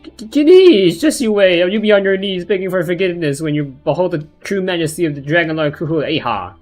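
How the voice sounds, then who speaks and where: A man's voice: fairly high pitch, animated, a little fast, sharp tone, soft background music, voice pushed up. Man putting on a pompous, haughty little dragon lord. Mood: indignant. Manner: imperious, insulting, grandiose. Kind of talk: amateur read-aloud of game dialogue.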